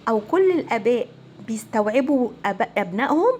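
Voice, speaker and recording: A woman family counselor with an Egyptian Arabic accent, giving a casual, animated talk to viewers. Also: fairly high pitch, quick pace, slight background noise. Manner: animated, conversational, acts out quoted voices.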